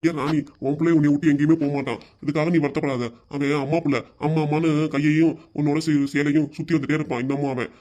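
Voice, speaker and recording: A man voicing a calm, lecturing middle-aged husband in a cartoon comedy, with a southern Tamil Nadu accent. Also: on the high side, fast, few pauses, lo-fi sound, close to an everyday voice. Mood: reassuring. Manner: coaxing, lecturing.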